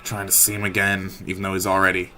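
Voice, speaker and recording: A man's voice: low voice, monotone, fast talker, background noise. Guy talking over a game playthrough, casual, stumbles and restarts a lot. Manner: chatty, with stammered restarts. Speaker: gaming channel host.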